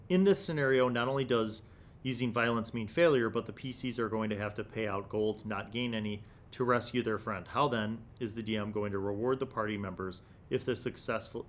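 Sitting at a desktop mic in an indoor studio, a man in his forties reads articles for his gaming review series and layers in emphatic, chatty commentary. His pitch is medium, with slight background noise in the recording.

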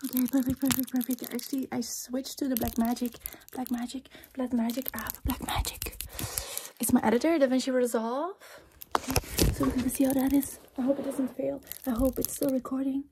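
A young woman doing fast, aggressive ASMR ASMR role-play, mostly soft-spoken with bursts of soft voice and repeating short words rapidly. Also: high-pitched, little pitch movement. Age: young adult. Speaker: ASMR performer. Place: small indoor room with acoustic foam panels. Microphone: held or very close microphone. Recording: close noisy mic with handling clicks.

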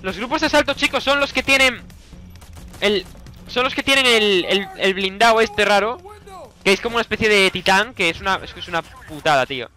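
High-pitched excitable Spanish gamer. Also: male voice, brisk, faint music behind. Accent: Spanish from Spain. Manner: excitable, swears constantly, shouts orders at teammates. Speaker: gaming YouTuber. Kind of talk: let's play commentary.

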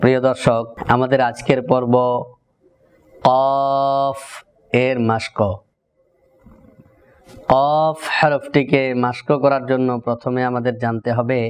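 A man with a Bangladeshi Bengali accent teaching Quranic letter pronunciation step by step, slowly drilling each syllable. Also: mid-range voice, fairly even intonation, clean tone. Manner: slow, drawn-out drilling of syllables.

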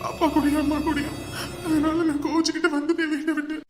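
A woman's voice: sits high, little pitch movement, fast, over music, close to an everyday voice. A woman playing a sulking young man in a comedy skit, whiny and complaining about his family. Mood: sulky. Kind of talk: village comedy skit acting.

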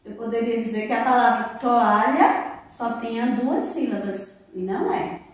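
A woman teacher, recording a lesson for young children and sounding out each syllable slowly and clearly. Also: fairly high pitch. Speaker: primary school teacher. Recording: very echoey room, voice from a distance.

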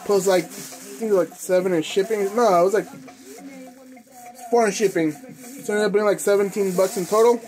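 A young American man hosting a casual unboxing vlog, talking in a halting, informal, slangy way. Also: sits high, darkish tone, low-quality recording. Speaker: host of a clothing collecting channel. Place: indoors in a room at home.

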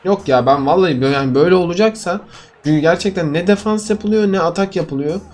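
A man's voice: high voice, fast talker, darkish tone. A young man giving casual commentary on his own match, talking to viewers and swinging from frustrated mutters to outbursts. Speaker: gaming YouTuber. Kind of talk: casual live game commentary.

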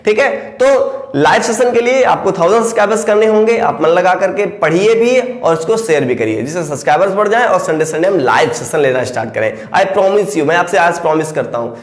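A man with an Indian accent teaches English vocabulary in a fairly high voice. He spells each word out letter by letter and keeps repeating key words, and his voice rings with a noticeable room echo. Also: lively intonation, brisk, hardly any pauses. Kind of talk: classroom-style vocabulary lesson.

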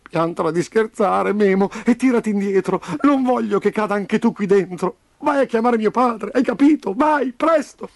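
A man's voice: high voice, normal speed, creaky, dry recording, clean studio sound, voice pushed up. A man reading a storybook, voicing a young tough boy who is hurt and crying, pleading urgently for help.

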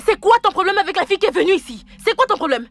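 A stern mother in a dubbed film drama, scolding her son and giving him orders. Her voice sits high and moves a lot in pitch. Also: expressive, very fast. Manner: scolding, commanding.

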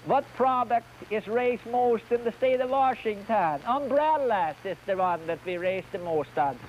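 On an old TV show, a children's entertainer plays a bumbling, boastful Swedish answer man in a comic question-and-answer routine, using a mock Swedish accent and broken grammar. His high-pitched, expressive voice delivers jokes slowly, deliberately, and deadpan, captured on a dull old recording with music.

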